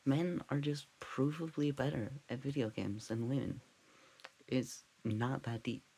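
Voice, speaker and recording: A man hosting a parody true-crime podcast, rambling and scatterbrained, drifting off on tangents in a deadpan way. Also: mid-range voice, a little slow, gravelly, a little hiss or hum, low-quality recording. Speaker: comedic podcast host.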